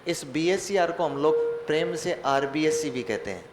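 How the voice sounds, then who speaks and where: Over music, a man with a fairly high voice teaches an online exam-prep class at a normal pace. He answers his own questions and throws in joking, mock-dramatic asides, and the room is echoey with faint ambient noise.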